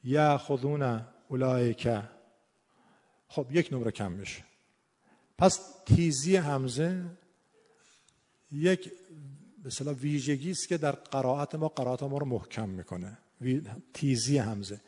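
A man teaching Quran recitation rules, explaining how errors are scored and slowly demonstrating each sound. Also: mid-range voice, animated, warm tone, slightly rough. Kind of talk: tajwid lesson on scoring recitation. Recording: long hall reverb.

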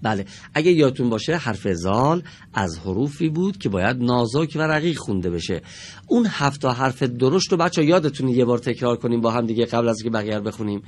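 With lively intonation and a medium pitch, a man teaches a studio classroom lesson for television, patient and encouraging toward the pupils. Each example word is drawn out slowly and on purpose, over a little hiss or hum.

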